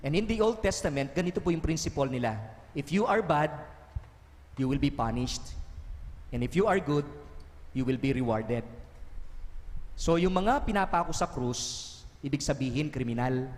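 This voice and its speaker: Priest preaching in a reverberant church. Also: male voice, a little high, lively intonation, darkish tone. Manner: mixes Tagalog, Kapampangan and English, slows for emphasis. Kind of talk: sermon. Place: parish church.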